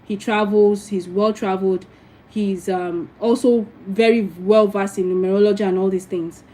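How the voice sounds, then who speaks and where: A woman's voice: medium pitch, fairly even intonation, moderate pace, warm tone, rough recording. A Nigerian woman giving frank, preachy spiritual advice in a casual livestream, with many asides to her viewers. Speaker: spiritual teacher.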